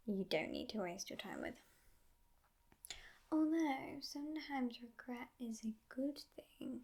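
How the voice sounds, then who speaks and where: A woman playing a teasing but gentle devil in an ASMR role-play, in a breathy, hushed voice with musing pauses. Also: on the high side, full character voice. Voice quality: breathy, husky soft voice.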